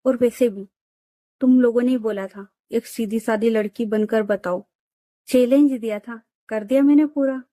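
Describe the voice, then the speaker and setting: A bold, cheeky young woman voiced by a female storyteller who brags about herself with easy swagger. She speaks a little higher and louder than the narration around her. The voice sits on a mellow tone in a dry audio-story recording. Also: fairly even intonation, normal speed, no room sound, close to an everyday voice. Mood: teasing. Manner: cheeky and boastful. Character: bold, teasing, self-assured young woman.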